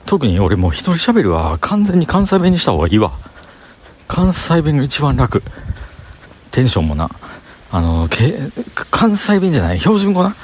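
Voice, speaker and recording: A man's voice: a little high, wildly swooping pitch, moderate pace, husky. Chatty man with a Banshu Kansai lilt. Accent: Kansai, Banshu (Himeji) dialect. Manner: chatty self-talk, thinking aloud. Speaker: vlogger talking to camera. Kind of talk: casual rambling monologue while walking. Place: outdoors on city streets.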